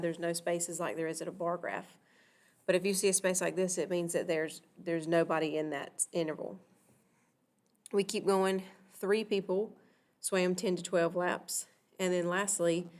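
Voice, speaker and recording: A woman teaching a recorded math lesson, patiently walking through examples and checking in with "okay?". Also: fairly low pitch.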